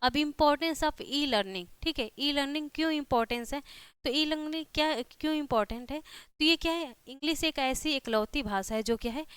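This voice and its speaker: A woman with a Hindi accent gives a classroom lecture in a high, slightly bright voice at a moderate pace, recorded dry. She repeats her points and checks in with "theek hai" (ठीक है) after nearly every phrase.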